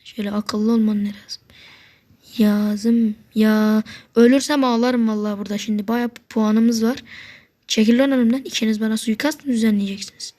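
Woman, gameplay commentary, fairly high-pitched, excitable, foul-mouthed, occasional whispers. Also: normal speed. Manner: excitable, swears a lot, talks to opponents; drops to a whisper at times. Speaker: gamer.

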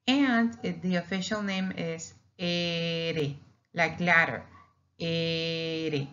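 A woman's voice: lowish voice, measured pace, fairly bright tone, highs cut off. A woman, a teacher narrating a lesson over slides, who patiently repeats each sound for learners. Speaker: Spanish teacher.

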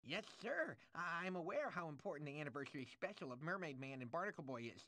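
Nervous male TV producer, stammering, lisping, bright voice, lively pitch, dry sound, game cutscene. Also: fast, no echo. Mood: nervous fawning. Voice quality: lisp. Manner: stammering, eager to please. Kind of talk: video game cutscene dialogue.

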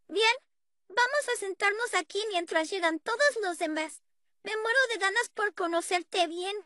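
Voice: very high-pitched, pushed and bright, no echo, clean studio sound, exaggerated voice. A performer voicing a bubbly, party-loving girl puppet in a fan dub, talking eagerly and chirpily.

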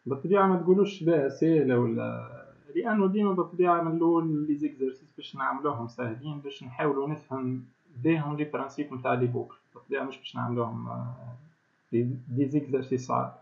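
A male teacher with a Tunisian accent, giving an online class and explaining step by step while quizzing the students. His voice comes through a choppy, low-quality online stream. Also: rapid-fire, gravelly. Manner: explains step by step, keeps asking the class questions. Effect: choppy, low-quality online stream audio. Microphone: video call. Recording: tinny low-bandwidth online call audio.

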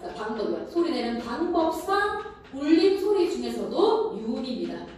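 Woman teacher explaining grammar, bouncy pitch, sounds far off in a roomy class. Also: normal speed, slight background noise. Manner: animated, checks in with students often. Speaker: Korean language teacher. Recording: echoey room, from a distance.

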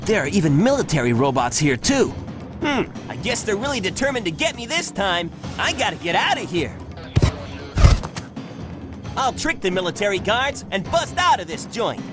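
A man's voice: sits high, sing-song, moderate pace. A man voicing a brash, upbeat young hedgehog hero in a video game, boyish and breezy. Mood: determined, urgent. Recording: game voice clips over clear music.

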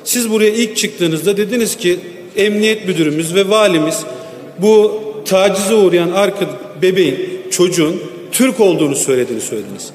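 A man's voice: sits high, fairly quick. A man speaking into a lectern microphone at the rostrum of a large parliamentary chamber, defensively rebutting accusations point by point. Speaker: member of parliament. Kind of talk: parliamentary floor speech. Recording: echoey large hall with long reverb.

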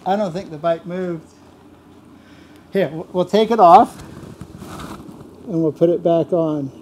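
Here a motorcycle builder, an older man, shows off his shop work, talking casually through each fabrication step in a big workshop. His voice leans high and a little mellow, and he speaks slowly and plainly with frequent word repeats. A slight hiss or hum sits under the audio.

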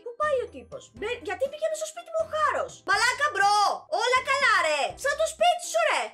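A young woman giving excitable, playful and foul-mouthed commentary while playing a video game. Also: very high voice. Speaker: gaming YouTuber. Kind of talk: casual gameplay commentary.

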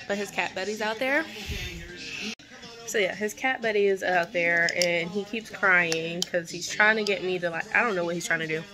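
Chatty slangy woman vlogging. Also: fairly low pitch. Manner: chatty, slangy, swears casually. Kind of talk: casual vlog chat. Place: home and car. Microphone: phone camera.

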